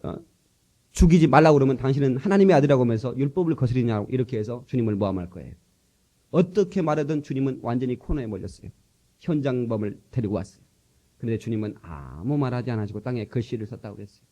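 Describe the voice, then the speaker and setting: A middle-aged male pastor delivering a sermon as lively storytelling, acting out the voices he quotes and often dropping in short affirmations like "yes". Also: medium pitch, fast.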